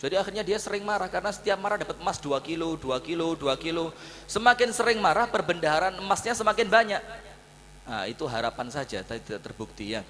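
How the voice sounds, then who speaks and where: A man with a high voice and a Javanese-tinged Indonesian accent delivers a humorous sermon. He tells stories in a lively way, acting out each person's lines and slipping in jokes. His voice rings with the long reverb of a hall. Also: fast, a little hiss or hum. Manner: animated storytelling, acting out dialogue with jokes. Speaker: preacher.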